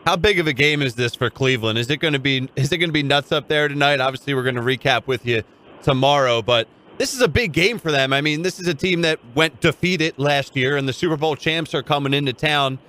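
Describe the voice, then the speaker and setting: A man's voice: medium pitch, bright, forceful tone. A man hosting a sports talk show, putting conversational questions to a reporter. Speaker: sports radio host.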